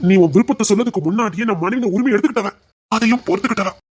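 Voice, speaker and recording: A woman's voice: medium pitch, very fast, darkish tone, husky, lightly acted. A woman voicing a drunk, possessive young husband who slurs and insists. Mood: earnest insistent.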